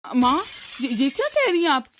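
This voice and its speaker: A woman's voice: sits high, big pitch swings, moderate pace, a bit bright, slight background noise. A woman voicing an anxious young cartoon husband. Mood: pleading. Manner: pleading, anxious. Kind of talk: cartoon voice acting.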